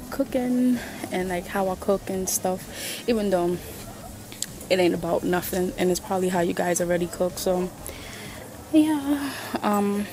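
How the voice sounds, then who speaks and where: Background noise accompanies a young woman's mid-range voice as she vlogs in blunt, slangy casual chat, swearing now and then. Filming by phone at arm's length, she starts out on a city street and moves into a discount store.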